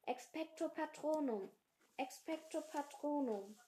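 Woman voicing a teenage boy wizard, desperate, high loud cries, mellow dark tone, storybook reading. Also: measured pace, a little hiss or hum. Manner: cries out in rising alarm.

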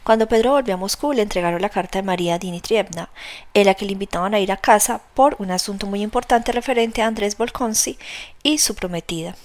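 Woman reading a novel aloud, steady measured audiobook narration, middle pitch. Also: no echo.

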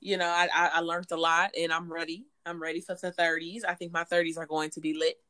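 Woman, late twenties, podcast co-host; low-set, punchy bright voice, frank and giggly. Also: little pitch movement, fast. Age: late 20s. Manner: chatty, laughs often, frank. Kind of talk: casual chat.

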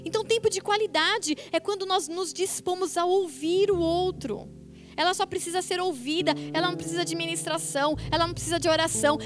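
High-voiced woman preaching with emphatic energy. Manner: animated, emphatic preaching with quick asides. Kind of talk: sermon.

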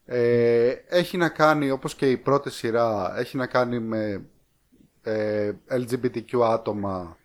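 A man co-hosting a podcast, talking about films and series in a relaxed, unhurried way. He often trails off into fillers while he hunts for the next word. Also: medium pitch. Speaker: podcast co-host. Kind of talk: casual chat reviewing films.

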